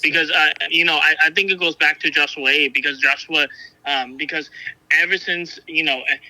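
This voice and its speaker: Bright-voiced man reading scripture aloud. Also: on the high side, fairly even intonation, dry recording, rough recording. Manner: halting, frequent restarts and fillers. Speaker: Bible reader and discussion partner. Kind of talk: Bible reading and casual discussion.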